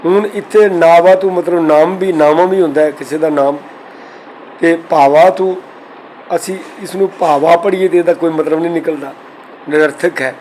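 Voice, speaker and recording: A man from Punjab explaining the correct pronunciation and meaning of scripture verses, slowly reciting each verse between explanations. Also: on the high side, steady tone, darkish tone, slight background noise, low-quality recording. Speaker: Sikh scripture teacher.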